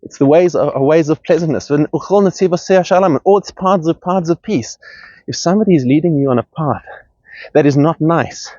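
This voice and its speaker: A man's voice: fairly high pitch, a little fast, warm tone, no room sound. A man delivering a heated, earnest monologue as podcast host, often restarting and repeating words as he gets worked up. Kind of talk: impassioned monologue. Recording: dull, lo-fi sound.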